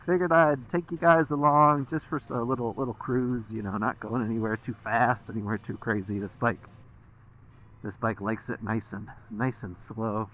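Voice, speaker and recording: A man's voice: mid-range voice, fairly even intonation, moderate pace, a bit bright, soft background music, poor audio. An American man from the Midwest chats casually while riding a motorcycle, rambling along and swearing freely as a vlogger.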